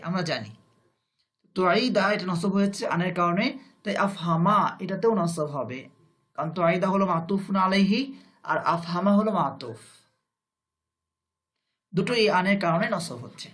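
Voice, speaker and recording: Male teacher with a Bangladeshi Bengali accent, high voice, slow and deliberate, repeats phrases and then translates them. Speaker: Arabic grammar teacher. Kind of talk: recorded grammar lesson.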